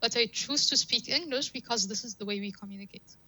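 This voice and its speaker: On the high side and speaking a little fast, a woman who is a data scientist and native Arabic speaker explains her ideas as a guest in a podcast interview, leaning on examples and repeated phrases. The recording quality is low.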